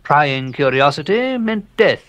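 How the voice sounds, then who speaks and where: In an audio horror drama, an excitable, erudite English captain relates dark local legends with grisly relish. His fairly high voice swings widely in pitch as he theatrically pauses to savor each gruesome detail. The highs are cut off.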